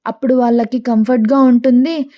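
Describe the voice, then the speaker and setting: A woman's voice: a little high, steady tone, brisk, mellow, natural voice. A woman voicing a persuasive, practical young man in a read-aloud story.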